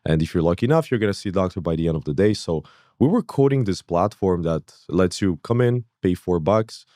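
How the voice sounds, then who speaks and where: Low-voiced man telling his story. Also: lively intonation, a little fast, dark tone, dry recording, studio quality. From Kazakhstan. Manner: rambling, fillers, acts out his own past thoughts. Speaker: guest. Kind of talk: casual interview.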